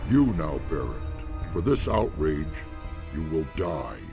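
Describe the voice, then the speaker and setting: An actor playing an ancient, arrogant undead dragon in a fantasy game, with grandiose, archaic and menacing speech. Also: male voice, very deep voice, big pitch swings, takes it slowly, heavily acted. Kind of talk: scripted fantasy game voice acting. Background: game music.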